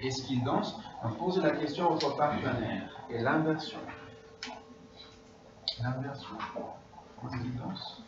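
Slow-paced man teaching in an echoey classroom. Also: medium pitch, recorded from a distance, noisy background. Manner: slow, repeats phrases, slips into English. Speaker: French teacher. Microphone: distant room recording. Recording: echoey classroom recorded from afar, dull.

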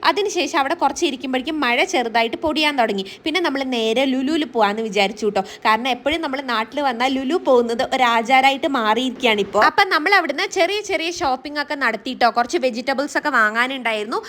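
Brisk high-voiced woman vlogger. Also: a bit bright. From Kerala, India. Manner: chatty, ends sentences with friendly tags. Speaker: family vlogger. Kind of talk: casual vlog voice-over narration.

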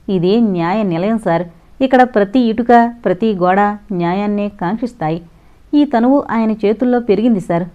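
Brief: earnest indignant young man, raised high, read by a female narrator, storybook audiobook, muffled lo-fi sound. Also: natural voice. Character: young male college student, earnest and indignant. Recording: dull lo-fi recording.

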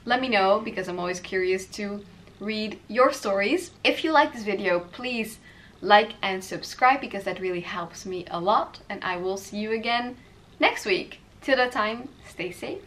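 A woman's voice: mid-range voice, moderate pace, a bit bright. Chatty young woman. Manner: rambling, chatty, hesitant with fillers. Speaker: knitting podcast host. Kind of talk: casual podcast chat. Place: her apartment.

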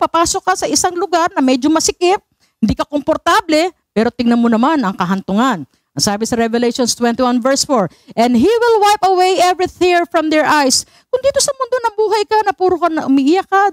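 Filipino woman pastor, high and lively voice, dry close sound, sermon mixing Tagalog and English. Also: no echo. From Philippines. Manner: animated preaching, mixes Tagalog and English, asks the congregation for affirmation.

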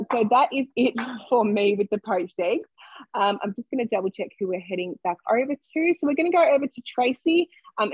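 A young woman leading a live cooking demonstration from a home kitchen, speaking in a friendly, chatty way and inviting viewers to comment. Her voice comes across slightly husky and very dry. The sound is a little dull and muffled, like a webcam on a video call. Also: mid-range voice, no echo. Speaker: cooking demo presenter.

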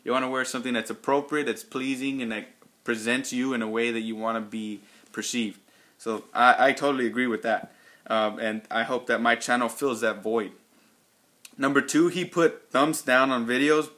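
Bright-voiced Texan man rambling through a vlog. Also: mid-range voice, fairly even intonation, normal speed. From Texas. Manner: rambling, many ums and restarts. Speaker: fragrance reviewer. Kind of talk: casual unscripted vlog response.

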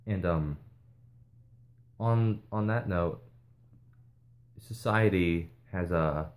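A vlogger speaking to viewers in a casual, earnest way, hesitating often and restarting sentences. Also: male voice, low voice. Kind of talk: casual advice vlog.

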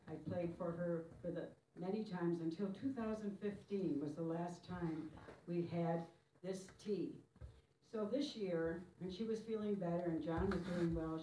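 A woman's voice: lowish voice, moderate pace, dark tone. A woman welcoming guests to a church fellowship tea in a chatty, self-deprecating way. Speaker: event organizer. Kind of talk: welcome speech. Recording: distant mic in echoey hall, faint room noise.

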